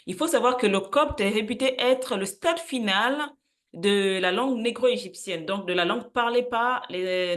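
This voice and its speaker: A woman with a mid-range voice gives an educational explainer. She reads lists of words slowly and carefully. She hesitates often and sounds unsure of some pronunciations. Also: mid-range voice. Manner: unsure of pronunciation in languages she does not speak. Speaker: channel host presenting word roots.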